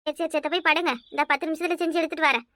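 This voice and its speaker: A woman doing a calm, reassuring young daughter-in-law for a cartoon, with a Kanyakumari Tamil accent. Her high voice is quick and teasing, and the recording is dry and close. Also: no room sound. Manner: soothing, teasing. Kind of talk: cartoon voice acting.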